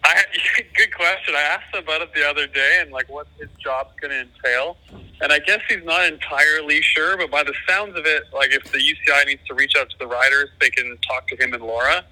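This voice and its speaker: A man's voice comes through a phone set on speakerphone, very bright and sharp in tone. He talks in an easygoing, casual way, hedging as he goes, like a young guy who has called in for a quick catch-up. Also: a little high, rough recording. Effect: heard over a phone on speakerphone. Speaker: phone-in guest.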